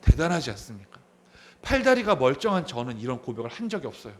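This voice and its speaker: A man in his thirties delivers a sermon as pastor in a church sanctuary, quizzing the congregation and echoing key phrases. He speaks quickly in a mid-range, sing-song voice.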